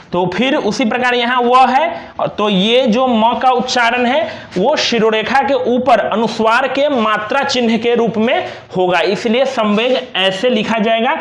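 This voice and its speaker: Slow, patient high-voiced male teacher. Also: a bit bright, echoey room. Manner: slow, patient, repeats each example word. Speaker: Hindi grammar teacher. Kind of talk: classroom lesson explaining examples on a board.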